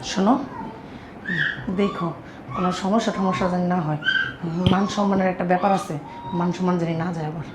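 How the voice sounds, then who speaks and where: A woman's voice: lowish voice, steady tone, brisk, long pauses, background noise, lightly acted. A woman playing an anxious young fiancée who pleads and worries. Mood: worried. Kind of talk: amateur short-film acting.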